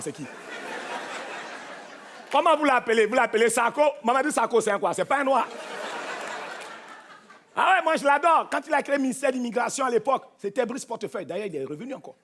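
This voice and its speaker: A man's voice: very high-pitched, animated, fast talker, long pauses, a bit bright, a little hiss or hum. A man with a Cameroonian French accent doing live stand-up on a theatre stage, teasing and punchy, talking straight to the crowd. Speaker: stand-up comedian.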